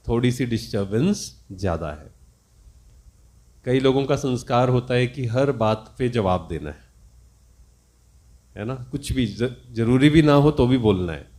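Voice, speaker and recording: Slow-speaking man teaching spiritually. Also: mid-range voice, a little mellow. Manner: slow, reflective teaching with questions to the audience. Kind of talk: spiritual discourse.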